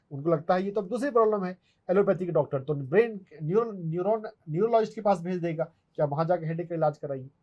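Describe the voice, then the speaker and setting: A man's voice: on the high side, a little mellow. A man, an acupuncturist who explains health remedies step by step as he answers viewer questions. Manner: instructive, step-by-step, demonstrates on his hand.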